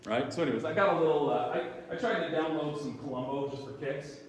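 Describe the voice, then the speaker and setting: A man teaching a church class, talking in an energetic, chatty way and often restarting his phrases. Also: on the high side, fast, reverberant, slight background noise.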